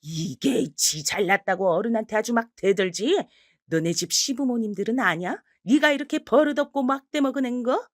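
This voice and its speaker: Brief: woman plays domineering elderly mother-in-law, slow contemptuous scolding, dry close voice. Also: fairly low pitch, a bit bright, dry recording. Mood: furious.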